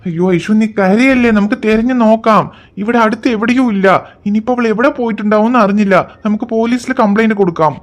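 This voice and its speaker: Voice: mid-range voice, fast talker, highs cut off, natural voice. A voice actor playing a worried husband in a cartoon, firmly reassuring his wife. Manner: reassuring, firm.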